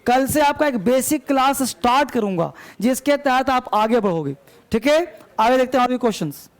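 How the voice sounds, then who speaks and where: A male English teacher, drilling example sentences slowly and quizzing his students in a live lesson. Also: extremely high pitch, animated.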